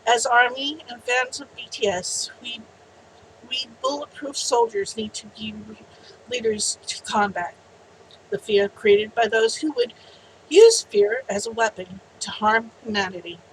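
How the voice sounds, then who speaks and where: A woman vlogging, reading out a heartfelt message in an earnest, slow way and sounding teary. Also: on the high side, expressive, a little hiss or hum, low-quality recording. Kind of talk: personal vlog, reading a written message then chatting.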